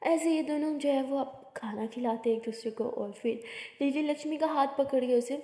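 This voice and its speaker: A woman's voice: sits high, normal speed, warm tone. A woman with an Indian accent narrating a story in a chatty, casual way, mixing in English words. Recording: echoey room with long reverb.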